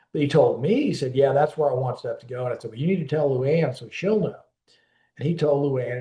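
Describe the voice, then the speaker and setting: A man in his fifties reminisces at length in a casual oral-history interview, starting sentences over and jumping into lively voices for the people he quotes. His voice sits at an ordinary middle pitch. The room around him rings with a noticeable echo. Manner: rambling, with frequent restarts and lively quoted dialogue. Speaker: interviewee recalling a friend.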